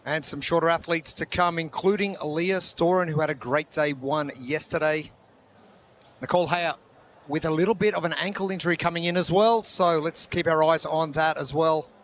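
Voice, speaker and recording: A man's voice: fairly high pitch, steady tone, moderate pace, fairly bright tone, a little hiss or hum. A man giving live broadcast commentary on a fitness competition. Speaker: sports commentator.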